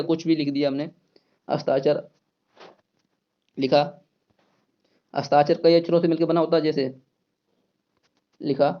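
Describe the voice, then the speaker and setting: In dull, lo-fi audio, a man with a fairly high voice runs an exam-prep grammar lesson. He repeats the key words and answers his own questions.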